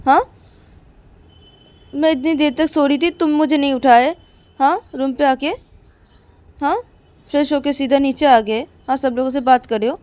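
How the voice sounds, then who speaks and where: A woman's voice: on the high side, takes it slowly, creaky, long pauses, a little mellow, no echo. A woman voicing Payal, a young woman complaining and pleading with her girlfriend in a storytelling video.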